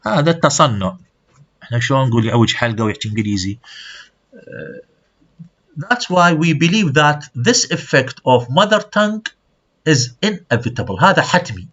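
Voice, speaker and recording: A man's voice: on the high side, big pitch swings, moderate pace, a bit bright. Man lecturing on a muffled recording. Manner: explains with examples, switches between languages. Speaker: language lecturer. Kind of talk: classroom lecture mixing Arabic and English.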